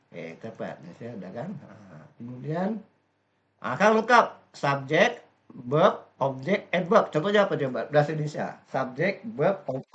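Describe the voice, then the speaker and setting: Lively male English teacher, muffled sound. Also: mid-range voice. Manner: explains step by step, often quizzing the class. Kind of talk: classroom grammar lesson. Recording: dull lo-fi recording.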